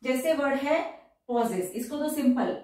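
दूर माइक से गूंजती आवाज़ में पढ़ाती महिला, गहरा स्वर. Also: female voice, high-pitched, animated, darkish tone, distant mic. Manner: slow, careful repetition of example words. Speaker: shorthand teacher. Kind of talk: step-by-step tutorial. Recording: echoey room, voice off-mic.

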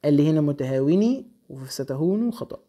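A young man with an Egyptian accent, teaching an Arabic grammar lesson and working briskly through exam exercises, slowing to stress each answer. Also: fairly high pitch, animated, dark tone. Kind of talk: recorded exam-prep lesson.

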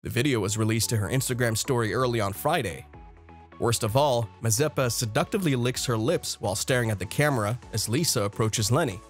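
A man reading a scripted celebrity gossip narration in a steady, even read-aloud delivery. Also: medium pitch. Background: faint background music.

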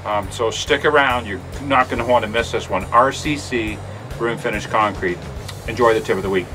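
A man's voice: fairly low pitch, normal speed, over music. A middle-aged American man hosting in a casual, chatty, enthusiastic and emphatic way. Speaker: host.

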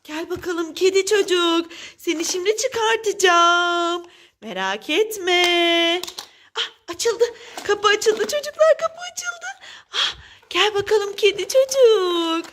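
A woman telling a playful toy story for children, animated and exclaiming often as she speaks straight to the kids. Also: very high voice, slow, a little hiss or hum. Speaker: children's toy-play presenter.

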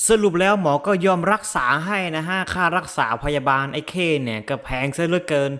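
Man, slightly high voice, chatty teasing movie recap. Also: expressive, fairly quick, a bit bright. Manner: chatty, teasing, slangy asides to viewers. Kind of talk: casual comic movie recap narration.

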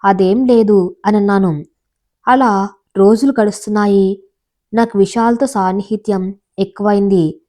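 Woman calmly narrating a confiding story. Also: mid-range voice, moderate pace, long pauses. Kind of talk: first-person story narration.

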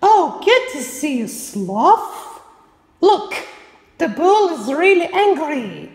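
A woman's voice: high-pitched, very animated, slow pace. A woman retelling a children's cartoon in a sing-song, exaggerated storybook manner. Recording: echoey room with long reverb.

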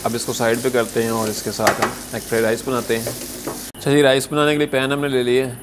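A man cooking at a restaurant stove, calmly walking through each recipe step and saying "achha ji" between steps. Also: medium pitch, brisk. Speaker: cooking show chef. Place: restaurant kitchen at a gas stove. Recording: loud sizzling frying noise behind.

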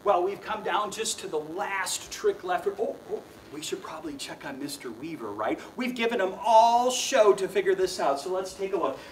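A man's voice: high-pitched, animated, moderate pace, few pauses, recorded from a distance, a little hiss or hum, low-quality recording. A young adult man performing a children's magic show, with playful, mock-flustered showman patter aimed at the kids.

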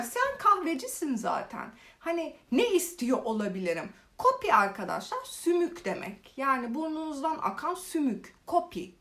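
A young woman casually telling funny stories in a vlog, animated and exaggerated. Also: a little high. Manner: animated, exaggerated retelling with laughs. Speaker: vlogger. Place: living in Korea.

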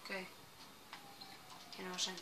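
A woman doing let's-play game commentary, excitable, shouting commands and exclamations at the game. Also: noisy background. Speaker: gameplay commentator.

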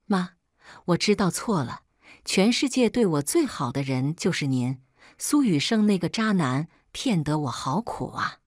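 A woman's voice: lowish voice, big pitch swings, a little slow, a little mellow, dry recording, studio quality. A woman voicing a manipulative young pregnant daughter who pleads and stammers, in scripted storytelling. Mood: pleading.

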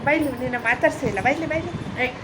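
A woman vlogger, chatting straight to her viewers while filming on a handheld phone, with loud traffic noise around her. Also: high voice, fast talker. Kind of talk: casual vlog chat.

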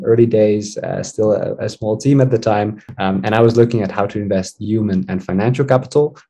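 A man's voice: lowish voice, dark tone, breathy edge. A man in his thirties from the Netherlands, a startup co-founder talking on a video call, thoughtful and given to restarting his phrases. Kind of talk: casual interview over video call. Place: indoors before a plain backdrop.

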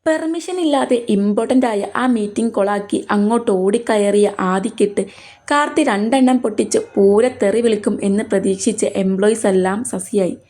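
Brief: female storyteller, steady serial narration, mellow tone. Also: medium pitch, a little fast. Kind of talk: reading a serial romance story aloud.

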